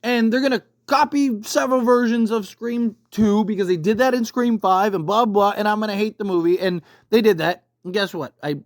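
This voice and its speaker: At a moderate pace with hardly any pauses, a YouTube host offers an emphatic, conversational rant about film, checking in again and again with rhetorical questions. The medium-pitched voice sounds dry, with no room sound.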